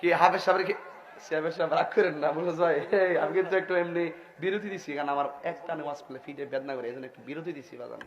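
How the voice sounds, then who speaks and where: Joking preacher with a crowd behind. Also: male voice, a little high, fast, muffled recording. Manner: joking, chatty, laughing often. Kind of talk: humorous sermon to a crowd. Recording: live event with loud crowd.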